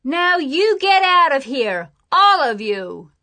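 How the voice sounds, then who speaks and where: A woman voicing an angry, sneering male sheriff who shouts at picnickers in a read-aloud lesson story. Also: medium pitch, animated, slow.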